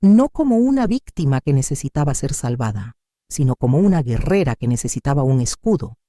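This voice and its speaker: An older woman narrating a dramatic first-person story in an expressive way. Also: extremely low pitch, brisk, dry recording, clean studio sound.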